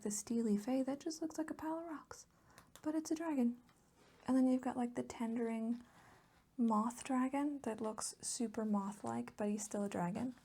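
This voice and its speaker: In a soft ASMR chat, a woman who runs a hobby ASMR channel frequently drifts into a breathy whisper, alternating with a low voiced murmur. She rambles fondly and gushes about her favorite things, recorded close to the mic as a voice-over.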